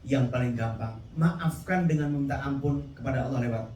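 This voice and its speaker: A man preaching a sermon to a live crowd, emphatic, with his voice rising high when he calls out to the audience. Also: normal speed, a little mellow, reverberant, distant mic, poor audio. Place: event hall.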